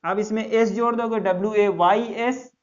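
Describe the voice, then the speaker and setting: A man's voice: high-pitched, steady tone, moderate pace, lo-fi sound. A male English teacher giving a classroom lesson, spelling words letter by letter and repeating each answer in call-and-response.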